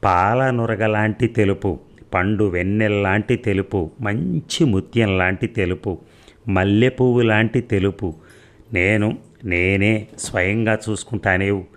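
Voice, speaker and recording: A man's voice: fairly low pitch, a little slow. A man voicing an impatient young grandson who bickers and teases sarcastically. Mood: eager.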